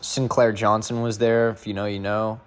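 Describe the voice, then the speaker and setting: A man's voice: on the low side, level tone, normal speed. A young man chatting casually as a running vlogger, rambling with lots of filler words and slang. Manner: rambling, full of "like" and "bro".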